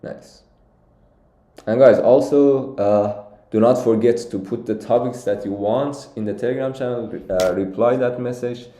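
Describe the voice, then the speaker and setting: The streamer, a young man from Iran, explains competitive programming contest solutions live at a measured pace. His medium-pitched voice is mellow and the audio sounds roomy, and his thinking-aloud is full of fillers and restarts.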